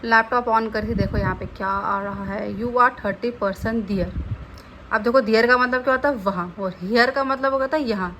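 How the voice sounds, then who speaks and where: A young woman from Jammu with a fairly high voice talks to her viewers in a relaxed, chatty daily vlog. She is playful and quick to laugh at herself as she goes about her day at home, with a faint hum of room ambience behind her. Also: low-quality recording. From Jammu, India. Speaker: vlogger. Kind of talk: casual daily-life vlog chat. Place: at home indoors, later on a balcony.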